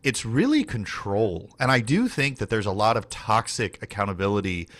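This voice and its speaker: Man, low voice, rambling training talk, fillers and restarts. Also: expressive, moderate pace, fairly bright tone. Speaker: team leader and trainer.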